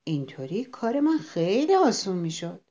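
A woman voicing a quiet, practical hedgehog who speaks softly. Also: on the low side, sing-song, lo-fi sound. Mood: pleased.

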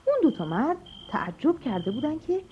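A woman's voice: sits high, sing-song, background noise. A woman storyteller reading a children's story aloud with expression, speaking to children. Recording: dull recording with music behind.

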